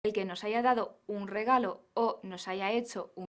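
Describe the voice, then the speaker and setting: A woman giving a scripted English lesson, modelling phrases slowly and carefully. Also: mid-range voice, fairly even intonation. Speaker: English teacher.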